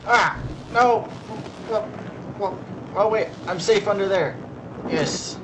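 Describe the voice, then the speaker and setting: A man's voice: high voice, slow pace, background noise. A man doing casual let's play commentary, jokily complaining and talking back to the game.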